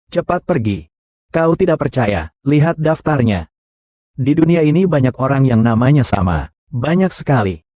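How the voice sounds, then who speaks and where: A man's voice: mid-range voice, a little mellow, dry recording, studio quality, lightly acted. A man voicing the characters of a dubbed short drama, with a scornful, confrontational delivery.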